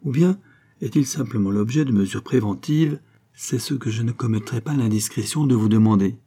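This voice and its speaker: A man's voice: medium pitch, normal speed, dark tone, husky, natural voice. A man voicing a fawning, sly middle-aged hotel keeper in a storybook reading, obsequious and confiding. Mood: confidential.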